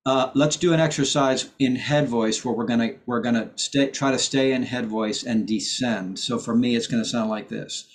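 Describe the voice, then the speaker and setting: A choir director and voice teacher leads an online rehearsal over a video call, patiently explaining vocal technique and pausing to sing demonstrations. His mid-range voice moves at normal speed with few pauses.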